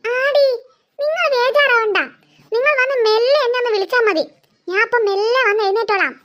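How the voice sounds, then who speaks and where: A woman's voice: extremely high pitch, brisk, fairly bright tone, lo-fi sound. A woman voicing a blundering, blunt little boy. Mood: blurting. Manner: stammering, blurting.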